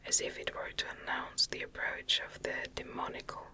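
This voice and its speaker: This is a gothic story told by an ASMR narrator in an unvoiced, breathy whisper, very near the mic. Each word comes slowly and softly, with careful deliberation.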